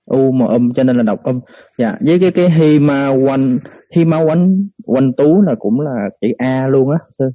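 A man, a student asking halting, repeated questions in an online class. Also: medium pitch, expressive, warm tone, lo-fi sound. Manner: halting, stammers and rephrases questions.

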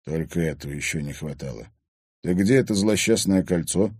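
A man reading an audiobook, voicing a serious, calm middle-aged father. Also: low voice, a little fast, husky.

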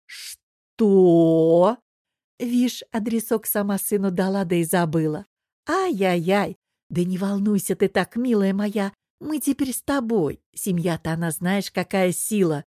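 A woman's voice: expressive, a little slow, dry recording. A doting older aunt, as a woman narrator puts her on, cooing and fussing in a raised, sing-song voice. She gushes over family and sweets in a storybook reading. The sound is dry and close. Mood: gushing. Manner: cooing, gushing, high and loud.

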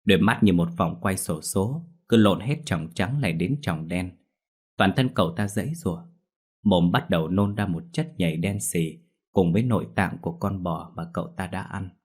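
Low husky male storyteller. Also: moderate pace, a little mellow. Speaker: narrator. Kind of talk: scripted ghost story narration.

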